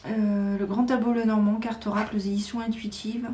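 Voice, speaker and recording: A woman talks casually to her viewers, pausing often on fillers while staying enthusiastic. Her voice sits at a middle pitch. The room is echoey, with a faint hiss behind her. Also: flat delivery, mellow. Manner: hesitant, many fillers, chatty and enthusiastic. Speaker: tarot and oracle card YouTuber. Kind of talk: casual chat to camera.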